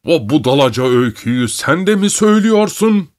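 A man's voice: fairly high pitch, very animated, fairly quick, darkish tone, pitched above the performer's own voice. A man voicing a cold, miserly old man who snaps harshly. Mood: furious. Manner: harsh, snapping.

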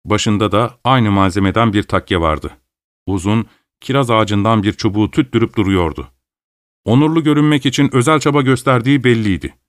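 A man's voice: on the low side, brisk, dry recording. Man narrating an audiobook, dry sound.

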